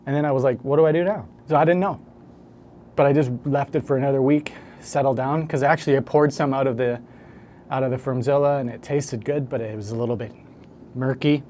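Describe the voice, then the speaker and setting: A man's voice: medium pitch, steady tone, a little fast, a little mellow, slight background noise. A man talking casually to the camera as a home brewer, rambling and correcting himself as he goes. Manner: rambling, self-correcting, hesitant.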